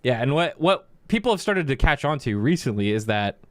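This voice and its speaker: A man's voice: very animated, a little fast, no echo, clean studio sound. A young man, a card vendor, chatting casually and candidly, swearing freely. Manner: candid, swears freely, mimics people in high voices. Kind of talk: casual chat.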